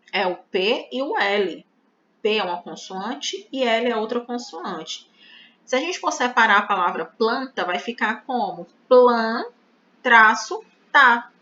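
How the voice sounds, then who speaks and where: A woman's voice: a little high, sharp tone, a little hiss or hum. A woman teaching a grammar lesson, explaining step by step and checking in with her students. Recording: slightly dull, lo-fi audio.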